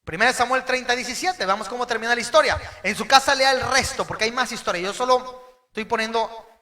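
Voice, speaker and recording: A male pastor preaching an emphatic sermon, calling on the congregation to repeat key words and sometimes shouting them. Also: very high voice, a little fast.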